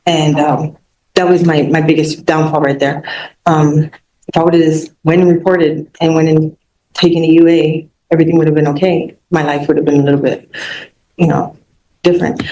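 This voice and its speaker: A woman defendant speaking haltingly and apologetically in court, with many pauses and fillers. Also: low-pitched, little pitch movement, mellow, slight background noise. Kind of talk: courtroom statement. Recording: distant echoey courtroom mic.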